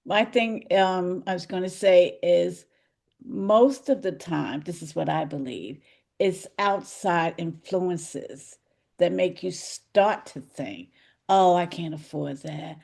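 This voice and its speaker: Slow, gravelly-voiced woman host. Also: on the low side, expressive, darkish tone. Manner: brief affirming interjections, reflective. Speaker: podcast host. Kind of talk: interview conversation.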